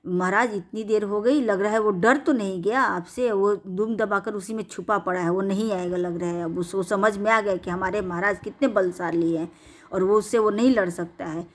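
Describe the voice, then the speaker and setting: A sly little male rabbit from a bedtime storybook, flattering and coaxing, full of respectful pleading, as a woman storyteller puts him on. His voice lifts higher and brighter than the telling around him. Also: moderate pace, close to an everyday voice.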